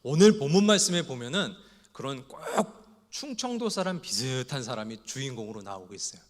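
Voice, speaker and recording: A man preaches to his congregation at a mid-pitched, even register. He tells the sermon as a string of light, humorous anecdotes. His voice carries a long reverb from the church sanctuary. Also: fairly quick. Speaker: pastor. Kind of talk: evening worship sermon.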